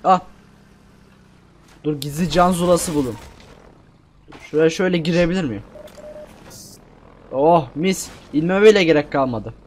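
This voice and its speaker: A man's voice: fairly high pitch, a little slow, long pauses, darkish tone, a little hiss or hum. A young man giving casual, self-mocking commentary while playing a game, repeating words when he panics. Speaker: gameplay streamer. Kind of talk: casual let's-play commentary.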